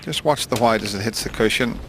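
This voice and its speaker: A man giving hushed, measured snooker commentary in an unhurried way. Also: fairly low pitch, over music. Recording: noisy broadcast with arena crowd. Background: snooker arena audience.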